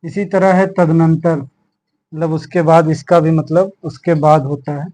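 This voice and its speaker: A man with a Hindi accent from Uttar Pradesh teaches an exam-prep grammar lesson. His voice sits fairly high and he speaks very slowly, going through each word with a steady, patient rhythm. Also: poor audio. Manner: slow, explaining words one by one with repeated "theek hai".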